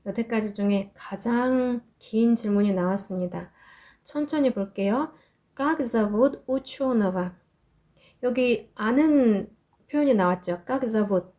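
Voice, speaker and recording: A woman teaching Russian as a host, reading phrases slowly and carefully, then explaining them briskly. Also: a little high, warm tone. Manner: reads Russian slowly and deliberately, explains quickly in Korean. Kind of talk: language lesson explaining a quiz.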